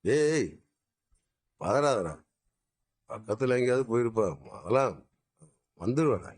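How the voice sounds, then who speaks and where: A man's voice: mid-range voice, animated, unhurried, darkish tone, husky. An actor playing a middle-aged father in a TV serial, firm and reassuring toward his worried family.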